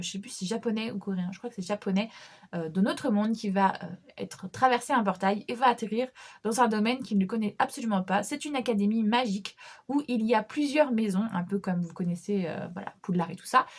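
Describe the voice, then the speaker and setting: A young woman vlogging casually about her reading list, chatty, with frequent fillers, restarts and small laughs. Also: mid-range voice. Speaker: book vlogger. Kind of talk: casual chat about books.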